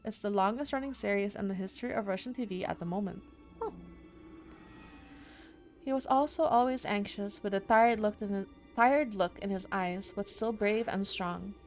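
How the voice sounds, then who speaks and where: With game music in the background, a female streamer performs a horror visual novel aloud with drama and off-the-cuff asides. Her voice is medium in pitch, a little mellow, and fairly quick.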